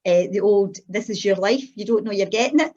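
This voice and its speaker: A middle-aged or older Scottish woman giving an unscripted personal testimony as a guest, speaking in an earnest, halting, anecdotal way. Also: mid-range voice, a little mellow, highs cut off.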